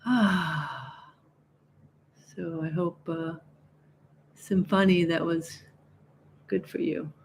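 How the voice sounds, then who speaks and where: A woman giving a live-stream spiritual talk, gentle and reflective, often restarting her sentences and voicing her own inner questions. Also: low voice, very slow, long pauses, slight background noise. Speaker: spiritual teacher on a livestream.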